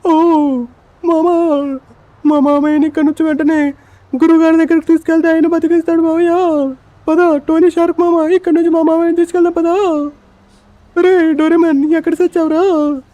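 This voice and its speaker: A man voicing a panicky young boy who wails in a high, worried voice, for a fan-dubbed game story. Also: little pitch movement, moderate pace, warm tone, no room sound. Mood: frantic. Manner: panicky, wailing.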